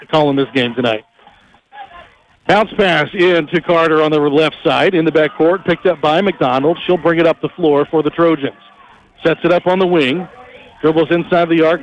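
A man calling college basketball on a headset mic, his voice set high and bright. He rattles through passes and dribbles at speed and jumps higher when a shot drops. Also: a little hiss or hum, poor audio. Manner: rapid energetic calls, rising on big plays. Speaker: play-by-play announcer. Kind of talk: live basketball play-by-play.

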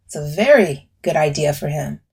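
Lady doing a slick blunt lawyer guy, middle-aged, husky low-ish voice, audiobook. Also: expressive, moderate pace, darkish tone, heavily acted. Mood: smooth. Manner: smooth, blunt, profane. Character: smooth, brash middle-aged male lawyer.

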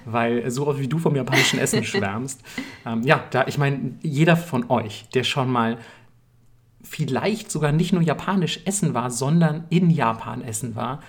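A young man from Germany chats on a podcast in an easygoing, excitable way. He talks in long, loose runs full of slang. His voice sits at an ordinary middle pitch. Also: normal speed. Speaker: podcast co-host. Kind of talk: casual chat.

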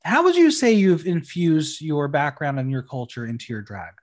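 A man's voice: fairly high pitch, expressive, normal speed. A man hosting an interview, asking questions and giving brief affirming interjections. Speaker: podcast host, interviewer.

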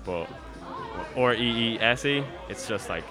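A man's voice: mid-range voice, expressive, a little slow, music in the background. A man, a guest chatting in a jokey, rambling way and leaning hard on filler words. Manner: jokey, rambling, heavy use of like. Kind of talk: casual chat. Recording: busy crowd behind.

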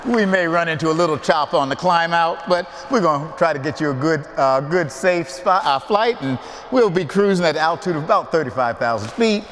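A man's voice: on the high side, animated, brisk, few pauses, a bit bright, slight background noise. A man imitating a laid-back male airline pilot making a cabin announcement. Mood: cool. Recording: long cathedral reverb.

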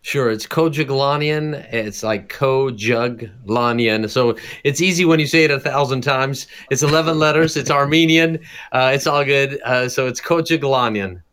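A man's voice: medium pitch, normal speed, a bit bright, smooth. A man from Jerusalem, a cardiologist and evangelist, giving his testimony in an interview with fervent, preacher-like emphasis.

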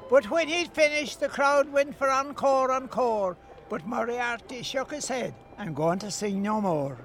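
A man's voice: very high voice, unhurried, over music. An older man with an Irish accent, talking and reciting verse in a storytelling way.

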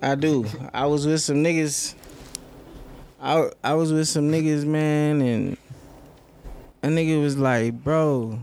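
High-voiced man telling slangy, rambling stories. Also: takes it slowly, pauses often, slight background noise. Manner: animated storytelling with repeated words and slang. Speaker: music artist being interviewed. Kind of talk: casual, rambling slang-heavy chat.

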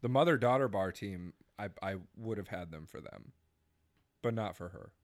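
A young man tells a raunchy story to friends on a podcast, his pitch leaping around as he jokes. He sounds close and dry on a studio mic. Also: expressive, normal speed, no room sound. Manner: crude, joking, laughs a lot. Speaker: podcast co-host. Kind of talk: casual chat, storytelling.

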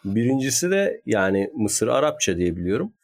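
A man's voice: fairly low pitch, big pitch swings, brisk. A man in casual conversation, explaining history at length in a thoughtful, hedging way. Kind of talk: casual chat.

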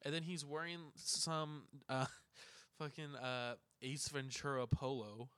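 A young man co-hosting a casual podcast chat, animated and argumentative, with frequent swearing. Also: medium pitch, takes it slowly, clean tone, no room sound. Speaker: podcast co-host.

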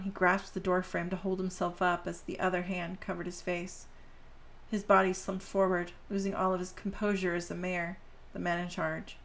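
Gravelly-voiced woman podcast host. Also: fairly low pitch, a bit bright. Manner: addresses listeners directly. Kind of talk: reading a story aloud and chatting with listeners.

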